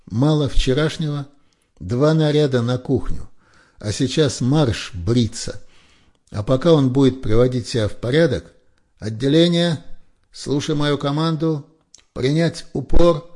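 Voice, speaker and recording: A man reading an audiobook voices a strict army lieutenant who barks orders and turns shrill when angry. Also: animated, slow, pauses often, darkish tone. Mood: furious.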